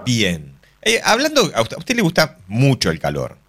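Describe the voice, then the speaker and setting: A man with an Argentine accent giving an economics column on radio, deliberate and explanatory with many fillers. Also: medium pitch, wildly swooping pitch, a bit bright. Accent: Argentine Spanish. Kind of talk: radio commentary.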